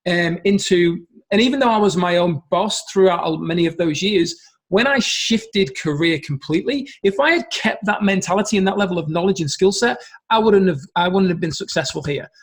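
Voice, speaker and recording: High-voiced earnest man, motivational talk. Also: a little fast. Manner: earnest, repeats phrases and restarts. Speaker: business coach.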